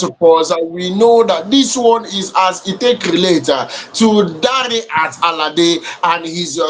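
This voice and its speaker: This is a Nigerian-accented man with a notably high-pitched voice. He comments conversationally as a talk show co-host, moving back and forth between English and Nigerian Pidgin. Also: fairly bright tone, a little hiss or hum, poor audio.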